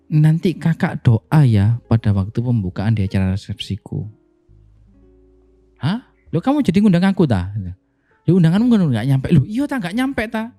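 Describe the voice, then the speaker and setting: A man, a pastor telling stories casually on a podcast and acting out the dialogue. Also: mid-range voice. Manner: animated storyteller, acts out quoted dialogue.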